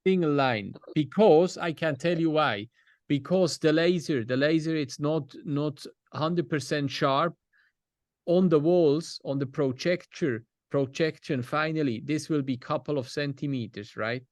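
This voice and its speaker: Direct Swiss client on a dry call. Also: male voice, on the high side, a little slow, darkish tone, no echo. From Switzerland. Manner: direct, gives step-by-step instructions. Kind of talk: video call feedback. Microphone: video call.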